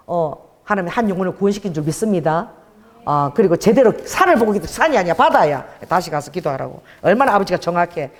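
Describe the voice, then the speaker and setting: A woman pastor preaching a sermon and telling a story with animation, often asking the congregation for an amen. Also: medium pitch. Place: church worship hall. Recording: long hall reverb.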